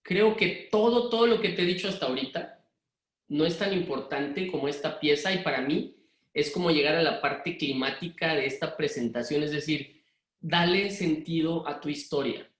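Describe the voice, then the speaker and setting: A middle-aged man from Mexico City with a Monterrey-influenced Mexican accent, giving a parenting workshop talk to a live audience in a hurried, direct way. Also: a little high, reverberant. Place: room with an audience.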